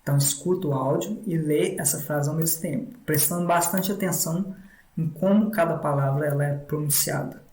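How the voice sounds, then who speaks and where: A man's voice: on the high side, brisk, darkish tone. Brazilian man teaching in echoey room. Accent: Brazilian Portuguese. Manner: repetitive, instructive, frequent "né" tags. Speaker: English teacher. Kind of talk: step-by-step spoken tutorial.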